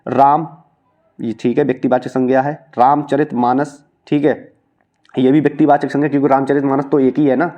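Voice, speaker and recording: A man's voice: mid-range voice, flat delivery, fairly quick, dull audio. A young man teaching an exam-prep lesson, working through practice questions, repeating each point and checking in with the students.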